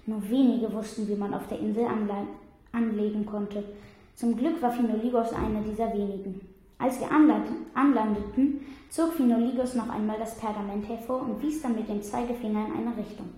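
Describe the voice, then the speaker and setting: A woman reading a first-person children's story aloud in a steady, plain voice. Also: fairly high pitch, fairly quick. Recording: very echoey room.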